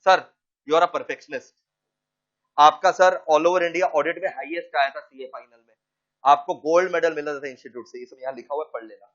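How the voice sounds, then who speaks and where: Student, male, respectful but accusing, as the teacher puts him on; high-ish voice, muffled lo-fi sound. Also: fairly quick, a bit bright, lightly acted. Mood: complaining. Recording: dull lo-fi recording.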